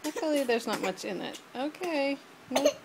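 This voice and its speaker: A woman's voice: high voice, sing-song, moderate pace, vocal fry, noisy background. A woman filming her toddler at home, coaxing the child in a sing-song voice to show off new words. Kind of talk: casual home video.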